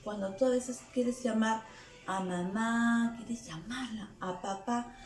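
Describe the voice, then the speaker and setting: Slow-talking woman teaching small children. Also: a little high. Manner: asks the children questions; playful, acts out sounds. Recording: echoey room with faint music.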